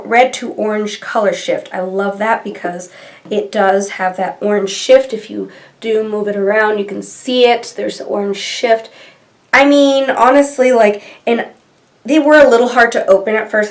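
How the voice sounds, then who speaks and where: A woman in her thirties, a beauty vlogger, talks at a moderate pace in a mid-range voice that's congested from allergies. Tucked into a little filming corner of her bedroom, she rambles chattily about products and raves about the colors.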